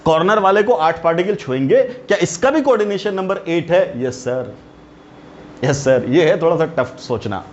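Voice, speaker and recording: A man's voice: a little high, expressive, moderate pace. A male teacher giving a lecture, who keeps checking with his students and calls them "beta". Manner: keeps asking the students questions. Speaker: chemistry teacher. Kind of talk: classroom lecture. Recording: dull lo-fi recording, faint hiss.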